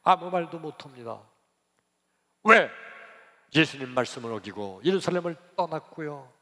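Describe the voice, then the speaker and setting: Dramatic pastor preaching in a reverberant church. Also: male voice, fairly high pitch, animated, a little fast. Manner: dramatic, swings from hushed to shouting. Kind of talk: sermon. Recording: long church hall reverb.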